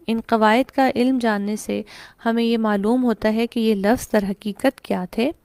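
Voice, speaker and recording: A woman with a Pakistani Urdu accent, teaching a Quran recitation lesson with a fairly high voice. She explains each rule step by step, poses questions and answers them herself, and recites verses slowly. The recording is close and dry, with no room sound. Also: warm tone, dry recording. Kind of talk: online tajweed lesson.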